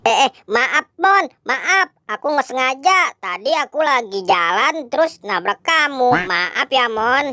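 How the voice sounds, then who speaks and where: A woman's voice: high voice, very animated, unhurried, few pauses, dry recording, exaggerated voice. A woman voicing Boboiboy, a cautious boy who keeps scolding his friends with fussy warnings. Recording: loud music underneath.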